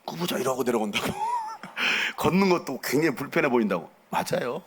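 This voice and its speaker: A middle-aged man preaching a lively, theatrical sermon to young people as a pastor. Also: medium pitch, fast talker, slightly rough. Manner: animated, theatrical, acts out quotes and jumps around.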